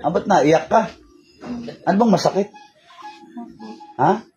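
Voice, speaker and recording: A man's voice: high voice, slow pace, darkish tone, muffled recording, soft background music. A man leading a healing session as a faith healer, sternly scolding and pressing with repeated questions. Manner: stern, keeps demanding "ha?". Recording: noisy room recording.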